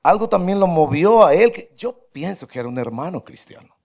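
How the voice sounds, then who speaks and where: Lively, gravelly pastor. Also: male voice, high voice. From Colombia, Medellín. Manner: dramatic storyteller, slowing down and pausing for emphasis. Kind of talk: sermon with storytelling.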